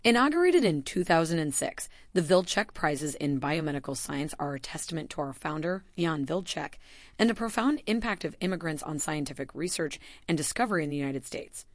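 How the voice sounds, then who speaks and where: A woman narrating a scripted announcement as a voice-over, in a measured, formal delivery that slows down to stress names. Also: low-pitched, expressive, no room sound, studio quality.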